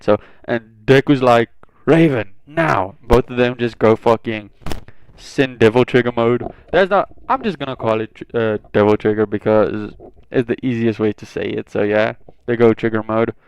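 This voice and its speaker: A man's voice: lowish voice, darkish tone, clean tone, dry recording, poor audio. A man casually retelling a fan story, rambling with lots of swearing and fillers.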